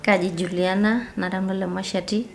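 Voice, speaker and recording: A woman from Narok in Kenya, representing Maasai women in a documentary interview, speaking calmly. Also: medium pitch, brisk, creaky. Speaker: Maasai delegation member.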